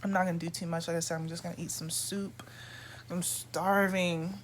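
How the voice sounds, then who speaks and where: Casual female vlogger, lower-than-average pitch, loose confiding chat, faint background noise. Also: little pitch movement, moderate pace.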